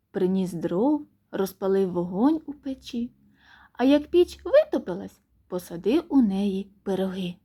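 A woman reading a children's fairy tale aloud in an expressive, sing-song storytelling manner. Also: sits high.

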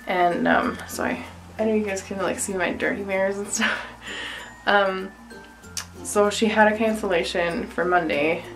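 A young woman with a cold chats into her phone camera at home, filling her talk with "um" and "like". Her voice sits low for a woman, with soft music playing underneath. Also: low-quality recording. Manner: chatty, many fillers like "um" and "like". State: has a cold. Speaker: vlogger. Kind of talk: casual vlog. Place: home bathroom. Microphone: handheld phone camera.

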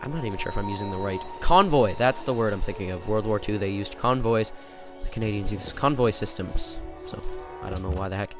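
A young man casually commentating his strategy game, excitable and jokey, thinking out loud. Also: fairly low pitch, brisk, hardly any pauses. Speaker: gaming channel host. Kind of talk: let's play commentary. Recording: game music playing behind.

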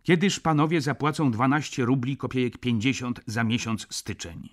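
A man reading an audiobook, voicing a stern male judge who asks brisk questions. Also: medium pitch, voice pushed up, close to an everyday voice. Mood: questioning. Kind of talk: audiobook character voice.

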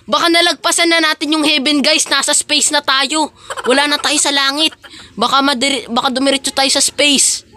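Woman, playful gaming commentary, chatty, slightly high voice. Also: pushed and bright. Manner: playful, chatty, keeps addressing viewers. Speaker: gaming vlogger. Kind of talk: casual game commentary.

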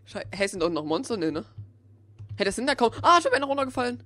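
A young man chatting casually while playing a video game with a friend, excitable and quick to swear and yelp. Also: very high voice. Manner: excitable, swears and yelps often. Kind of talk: casual let's-play chat.

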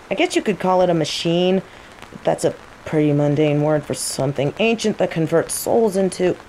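In an intimate scripted audio roleplay, a voice actress with a lowish voice plays a teasing rival mage questioning a captive. Her tone is casual and searching, full of coaxing menace. The audio quality is poor, with steady rain behind her.

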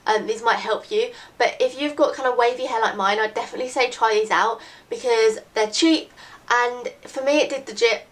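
Here a late-teen beauty vlogger with a cold talks at a normal speed, her voice a little high and her nose stuffed up. Indoors in her bedroom, she rambles chattily to a camera set up in front at desk distance, leaning heavily on "like" and "really, really."

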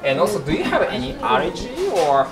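A man's voice: fairly high pitch, big pitch swings, loud music behind the voice. Man hosting a food chat. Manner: explains slowly, friendly questions. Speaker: host showing visitors local food. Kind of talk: casual interview over dinner. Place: small restaurant booth, indoors.

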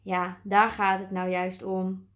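A woman voicing a calm, sensible male ant in a storybook, who speaks patiently and matter-of-factly. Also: mid-range voice, slow pace, close to an everyday voice.

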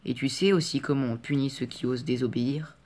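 A man's voice: mid-range voice, steady tone, fast, a little mellow, slight background noise, close to an everyday voice. A man voicing a stern, cold middle-aged falconer in an audiobook reading, with a harsh, menacing delivery.

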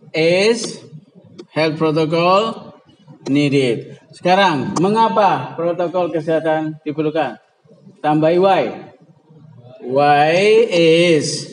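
Male teacher, slightly high voice, unhurried drilling of example sentences. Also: rough recording. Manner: slow, drawn-out example sentences with prompting calls. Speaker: English teacher. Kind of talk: classroom grammar lesson.

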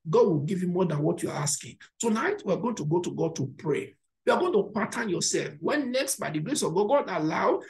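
A woman pastor delivers a sermon in a fairly high, lively voice that rises and falls widely. She exhorts and encourages the congregation, repeating words for emphasis and turning to them with direct questions. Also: poor audio.

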